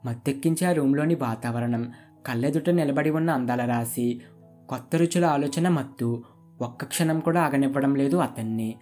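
A storyteller narrating a dramatic moral tale in a steady, practiced manner, at a middle pitch. Soft guitar music plays quietly beneath the voice. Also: moderate pace.

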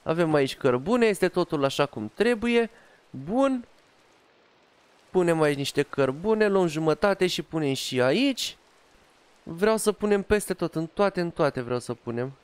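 Gaming creator, high-pitched, smooth clear voice, chatty let's play narration. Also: male voice, animated, no echo. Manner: chatty, talks to himself and his pet dog as he plays. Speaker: gaming youtuber. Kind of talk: casual Minecraft let's play commentary.

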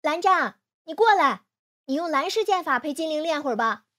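A woman voicing a playful, easygoing young male swordsman who coaches briskly with teasing encouragement. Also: a little high, lively intonation, no echo, studio quality. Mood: cheerful.

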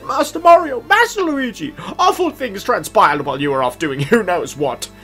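Fussy, very old male game attendant, performed by a man, high voice, formal and absent-minded, game music behind. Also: very animated, normal speed, sharp tone, exaggerated voice. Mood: flustered. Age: older. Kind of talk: cartoonish video game character read-aloud.

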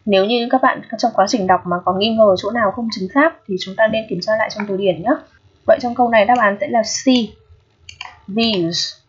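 A woman's voice: medium pitch, fast talker, slightly rough. A woman teaching an English exam review lesson, patient and repetitive, often checking that students understand. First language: Vietnamese. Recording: dull lo-fi recording.

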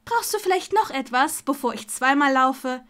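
A woman doing an indignant young witch, a little higher, snappy, audiobook. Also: animated, moderate pace, fairly bright tone. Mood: irritated. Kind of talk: audiobook character voice.

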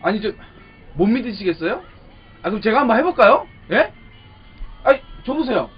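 An actor playing a blunt, indignant young policeman who stammers and repeats his words in a husky voice. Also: high voice, big pitch swings, normal speed, heavily acted. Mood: heated, insistent. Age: young adult. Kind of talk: naturalistic film dialogue. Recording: dull film audio with faint music.

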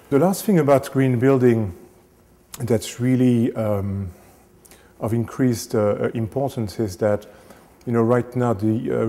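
A man in his thirties explains building topics in a casual lecture, recorded on a lapel mic in a small indoor studio. His voice sits low and mellow. He talks in a halting way, full of fillers and restarts. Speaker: renovation specialist.

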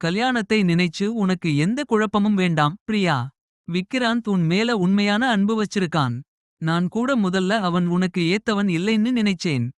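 A caring middle-aged mother with a gentle but firm, soothing way of talking, as a male narrator puts her on. Her voice sits a little higher than the reader's own, and the recording is dry and close. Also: moderate pace, dry recording, close to an everyday voice. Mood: tender. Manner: soft scolding, tender and reassuring.

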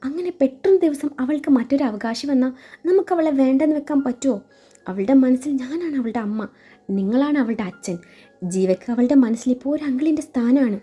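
A fiercely protective adoptive mother , put on by a woman storyteller, argues in a high, husky voice that turns pleading and defiant. The tone is dark and mellow. Dull lo-fi sound with faint music behind. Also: a little fast.

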